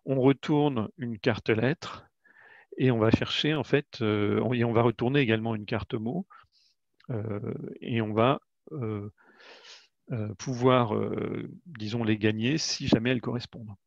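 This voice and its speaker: A man's voice: mid-range voice, fairly even intonation, a little slow, gravelly, no room sound. A man giving a webinar presentation of his educational card games, hesitant and full of "euh" fillers and restarts, on a computer mic over a video call. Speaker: educational game creator presenting. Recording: dull lo-fi webinar audio, dry.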